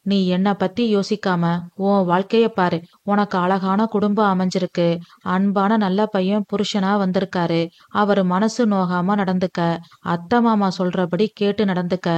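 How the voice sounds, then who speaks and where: This is a woman playing a gentle, caring older father, a widower, who speaks with tender reassurance. His voice sits at a middle pitch. The recording is dull and lo-fi, close and dry. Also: fairly even intonation, a little slow, dry recording, natural voice. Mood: comforting.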